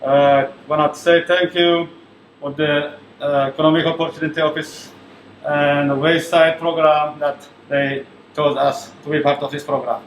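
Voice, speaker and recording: A man from Ethiopia, a chef, explaining a recipe with a hesitant manner and many pauses. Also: a little high, level tone. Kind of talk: cooking demonstration. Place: kitchen. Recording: echoey kitchen, faint background noise.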